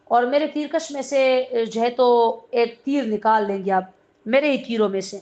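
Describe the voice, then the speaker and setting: A woman gives a religious lesson on a surah in a fairly high voice, retelling its story in a storytelling way. She stops to explain words as she goes. The recording sounds dull and lo-fi. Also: darkish tone. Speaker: Quran teacher.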